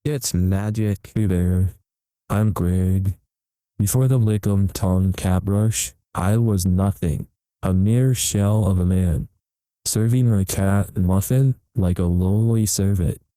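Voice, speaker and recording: A man's voice: sits low, slow, mellow, no room sound. A man playing an earnest, overexcited cat owner, giving a melodramatic parody infomercial testimonial with reverent sincerity. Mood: awed, earnest, then devoted, grateful.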